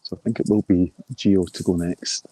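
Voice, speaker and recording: A man giving informal live golf commentary, explaining shots in a measured way and reacting briefly as they play out. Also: low-pitched, fairly even intonation, mellow, slightly rough, rough recording.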